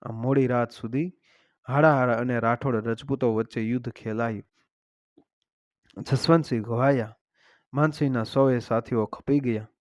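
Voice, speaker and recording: A man's voice: medium pitch, fairly even intonation, normal speed, long pauses, dry recording, studio quality. Declamatory male folk-tale storyteller. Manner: declamatory, recites verse. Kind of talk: dramatic folk-tale narration.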